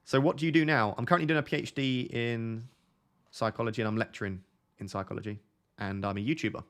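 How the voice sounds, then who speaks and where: He speaks fast at medium pitch, with fairly even intonation and a slightly bright tone. This Essex man in his twenties, accent toned down, chats candidly with his fantasy football stream's viewers, rambling through tangents and restarts.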